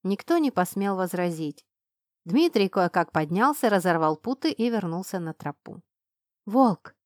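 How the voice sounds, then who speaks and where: A woman reading a first-person fantasy story aloud, shifting her pitch and loudness to voice the characters. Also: sing-song, normal speed, dry recording, clean studio sound. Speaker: audiobook narrator. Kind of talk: first-person audiobook narration.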